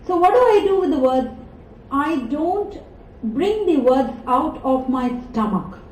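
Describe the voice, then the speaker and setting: A communication skills trainer with an Indian English accent teaches animatedly, constantly putting questions to her students at a measured pace. Her voice is high yet mellow, captured from some distance in an echoey lecture hall with a faint hum in the room.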